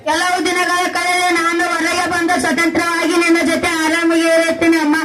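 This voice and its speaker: A man's voice: extremely high pitch, a little fast, music in the background. A young performer in a school play, voicing a defiant young revolutionary who consoles his mother with impassioned speeches. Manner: declamatory, impassioned, flat singsong delivery. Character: defiant young male revolutionary facing execution. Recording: echoey hall with a crowd behind.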